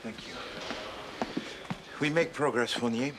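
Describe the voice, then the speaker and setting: An actor playing a fastidious, courteous middle-aged detective who speaks in precise, formal, mannered phrases. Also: male voice, medium pitch, heavy background noise, close to an everyday voice. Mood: deductive, wry. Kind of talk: television period drama. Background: background music.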